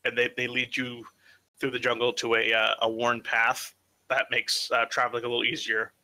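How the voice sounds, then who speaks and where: Bright-voiced man running a tabletop game. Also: mid-range voice, completely flat delivery, poor audio. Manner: halting, informal, profane. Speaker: game master. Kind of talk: improvised tabletop game narration.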